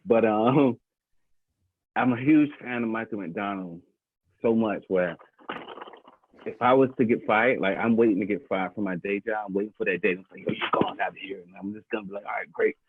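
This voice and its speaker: A man's voice: lowish voice, slightly rough. A man doing loose, rambling stand-up from his bedroom over a video call, laughing often. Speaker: stand-up comedian. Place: bedroom at home. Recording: tinny phone-like call audio.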